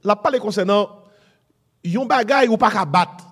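A man's voice: high-pitched, unhurried, a bit bright. A middle-aged man with a Haitian Creole accent preaching a sermon, mixing Creole and French, exhorting with "amen" and "hein?". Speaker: pastor.

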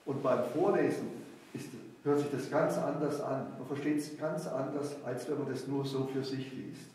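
A man in the audience speaks up casually, with a mellow, dark tone. He sounds distant and is heavily echoed in a large hall, with faint background ambience. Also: medium pitch, fairly even intonation, normal speed, slight background noise. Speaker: audience member. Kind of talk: casual remarks.

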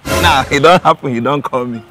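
A man's voice: mid-range voice, a bit bright, soft background music, lightly acted. A man with a Nigerian accent playing a wary, teasing friend in a comedy skit who bargains slyly. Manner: teasing, quick laughter.

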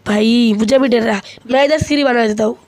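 This young man has a very high voice and a brisk delivery as he banters with a friend during casual gameplay chat. He gets excitable whenever he's in danger.

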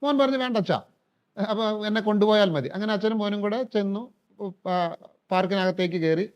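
Earnest man with a high voice. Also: a little fast. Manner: earnest, addresses listeners directly. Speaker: counselor giving advice. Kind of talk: storytelling talk with advice. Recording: dull lo-fi recording.

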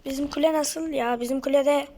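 A gaming video host with a high, hoarse voice talks a little fast through a casual let's-play. She reacts excitably with loud, sudden outbursts, and her throat sounds hoarse while loud game noise runs behind her throughout.

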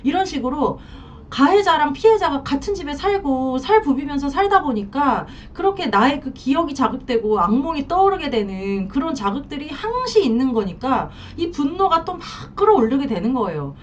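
A woman's voice: high-pitched, sing-song, moderate pace, distant mic, dull audio, a little hiss or hum. A woman divorce counselor giving blunt, colloquial advice to camera, acting out what angry spouses say.

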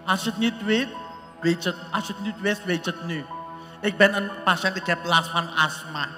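A man's voice: sits high, fairly even intonation, lightly acted. A man playing a bossy scolding mother-in-law. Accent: Surinamese Dutch. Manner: scolding, slow and emphatic. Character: strict older mother-in-law, bossy and scornful. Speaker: stage actor. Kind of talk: live stage comedy. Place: large concert hall stage. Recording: long hall reverb, music behind.

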